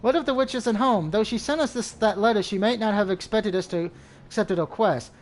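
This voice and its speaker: A man's voice: high voice, a little fast, natural voice. A man reading the lines of a proud, self-assured young female knight in a game.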